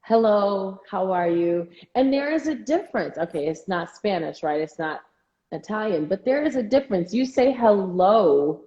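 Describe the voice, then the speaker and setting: A woman's voice: medium pitch, big pitch swings, normal speed, mellow, roomy sound, highs cut off. A woman co-hosting a casual chat, talking emphatically and acting out the people she quotes. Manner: emphatic, opinionated, acts out quoted voices. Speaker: co-host.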